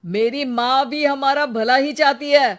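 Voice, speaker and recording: A woman voicing an irritable young husband in an animated story, snappy and argumentative. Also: on the high side, moderate pace, lightly acted. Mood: irritated.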